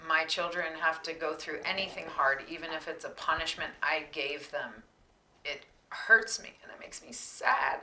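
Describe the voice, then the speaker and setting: A woman's voice: lowish voice, pushed and bright, reverberant, a little hiss or hum, rough recording. A woman and parent speaking heartfelt words to her son in a family talk, sometimes close to tears. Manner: heartfelt, tearful at times. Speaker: parent and co-host.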